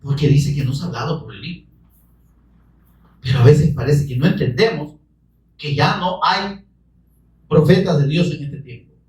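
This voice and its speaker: A man preaching a sermon who bursts into shouting and presses listeners with rhetorical questions. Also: a little high, moderate pace, long pauses, echoey room, far from the mic, low-quality recording. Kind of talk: evangelical sermon.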